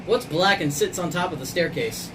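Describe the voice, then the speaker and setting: Expressive and moderately paced, she casually tells jokes as the host of a laughing challenge, cursing freely and speaking bluntly. A distant microphone picks her up amid noise and background rumble.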